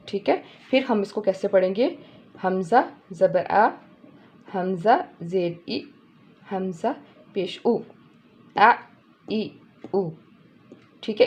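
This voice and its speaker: A woman's voice: mid-range voice, dark tone, dull audio. A woman teaching a Quran lesson step by step, patiently repeating each point and checking in with her students.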